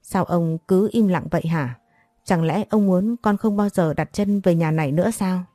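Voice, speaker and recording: A woman's voice: fairly low pitch, moderate pace, warm tone, no room sound, clean studio sound, natural voice. A woman reading the lines of an ailing older mother in a storybook narration, pleading and scolding.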